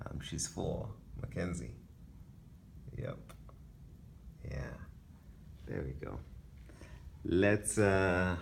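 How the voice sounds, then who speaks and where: A Kenyan photographer presents his exhibition in a relaxed gallery talk, walking through his photographs in a very low voice. He speaks slowly with a Kenyan accent, sometimes halting with fillers and soft little laughs, and there's a slight hiss or hum.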